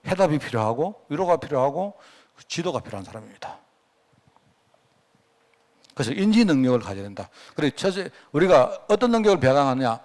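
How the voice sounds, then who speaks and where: Lively Gyeongsang-accented male pastor preaching. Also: fairly high pitch. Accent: Gyeongsang Korean. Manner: conversational, keeps asking the listeners questions. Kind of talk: sermon to a congregation.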